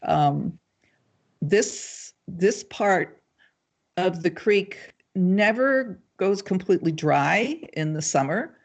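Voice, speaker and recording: An older woman answering interview questions in a measured, thoughtful way, pausing often with ums. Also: lowish voice, expressive. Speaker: guest, local party committee chair. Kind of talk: casual livestream interview.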